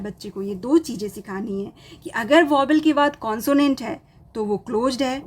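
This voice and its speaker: Lady with a high voice explaining a lesson to parents, says each example word twice, slow and clear. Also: darkish tone. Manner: repeats example words slowly and clearly; asks and answers her own questions. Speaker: channel host teaching parents.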